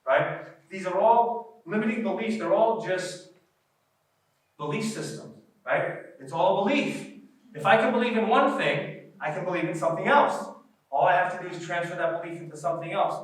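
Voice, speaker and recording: A man's voice: high voice, expressive, normal speed. A man presenting a live workshop in a conversational way, often checking in with his audience. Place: workshop room. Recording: very echoey room, from a distance.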